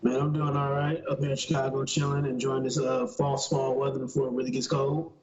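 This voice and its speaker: A man's voice: medium pitch, level tone, a little fast, darkish tone. A man chatting casually as a podcast co-host, his voice coming through a bad mic that makes it sound robotic and metallic. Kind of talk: casual chat. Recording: echoey, dull, muffled mic.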